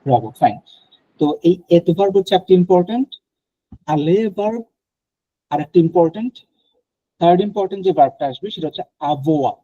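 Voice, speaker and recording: A man's voice: sits high, animated, a little fast, long pauses, dark tone, no room sound, dull audio. A man from Bangladesh teaching a French class online, explaining patiently and mixing in English phrases.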